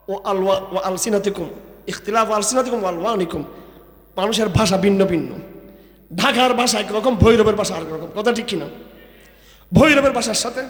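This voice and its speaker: A man's voice: high-pitched, a bit bright. A man from Bangladesh preaching a sermon to a crowd, firing rhetorical questions and mocking. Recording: echoey hall with long reverb.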